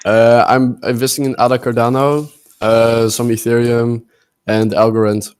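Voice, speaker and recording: A man talking casually in a group voice chat, with a halting delivery. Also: medium pitch, little pitch movement, darkish tone, smooth.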